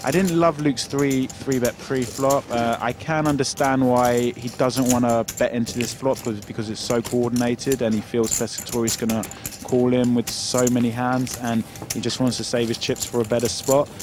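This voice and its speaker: A man giving expert poker analysis, pausing and hesitating often as he works through each hand. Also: medium pitch, little pitch movement, noisy background. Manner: hesitant, many fillers while analysing.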